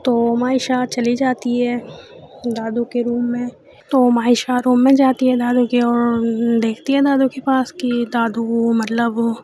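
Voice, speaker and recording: A woman storyteller retells a love story in a chatty, loose way, leaning on fillers. Her voice is fairly high and mellow. She keeps a flat, even melody throughout. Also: slightly rough. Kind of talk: casual story narration.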